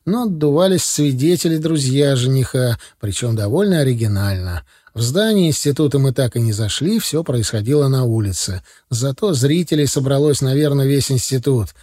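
A man narrating a first-person audiobook in a lively storytelling manner, acting out the dialogue. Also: medium pitch, breathy edge.

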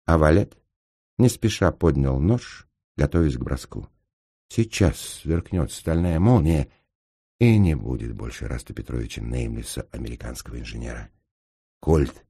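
A man narrating an audiobook in a dramatic, expressive manner. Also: rumbling low, vocal fry, slightly rough.

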